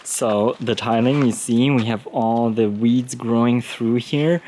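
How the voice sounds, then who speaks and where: A man in his late thirties chatting casually for a vlog, relaxed and often laughing, with many fillers, while showing around a barn and garden. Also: mid-range voice, slow pace, slight background noise. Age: late 30s. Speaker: vlogger. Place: outdoors and in a barn on a rural property.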